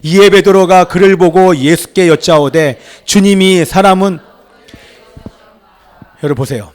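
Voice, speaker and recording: Animated high-voiced male pastor preaching. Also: moderate pace. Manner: animated, questioning the congregation. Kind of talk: sermon.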